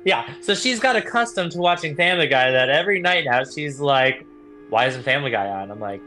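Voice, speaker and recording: A man's voice: medium pitch, animated, fairly quick, pushed and bright, faint music behind. A young man co-hosting a podcast, chatting casually and telling rambling stories with the odd swear word. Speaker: podcast co-host. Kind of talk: casual chat.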